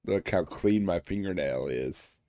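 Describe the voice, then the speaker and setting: A man's voice: deep voice, lively intonation, a little slow, mellow, no echo, studio quality. A man hosting his own live stream in casual chat, playful and joking, swearing freely. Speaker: streamer host.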